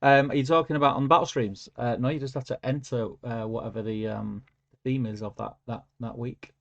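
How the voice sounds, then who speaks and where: The host's voice here is mid-range and fairly bright, with vocal fry and a brisk, steady delivery. He rambles through viewer comments on a casual stream, using plenty of fillers and humming as he scrolls, all in lo-fi sound.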